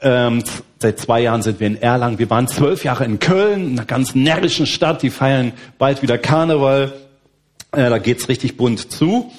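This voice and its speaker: A middle-aged man from Berlin preaching a sermon as a guest pastor, relaxed and conversational with frequent fillers. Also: mid-range voice, moderate pace. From Berlin, Germany.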